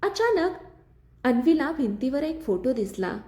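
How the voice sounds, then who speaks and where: Slow, high-voiced woman storyteller. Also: big pitch swings, dark tone, echoey room. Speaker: narrator. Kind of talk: dramatic story narration.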